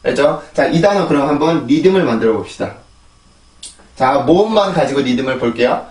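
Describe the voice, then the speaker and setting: A man's voice: mid-range voice, animated, a little fast, darkish tone, reverberant, far from the mic. A man teaching English pronunciation in Korean, explaining sounds and repeating drill words three times, checking in with his students. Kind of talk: pronunciation lesson. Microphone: desk microphone.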